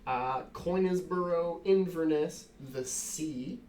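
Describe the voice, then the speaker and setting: Game master, male, unhurried, raised voice, easygoing and chuckling, light background hiss. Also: fairly high pitch, a little mellow. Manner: casual, laughing often, quick asides. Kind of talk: narrating a tabletop game.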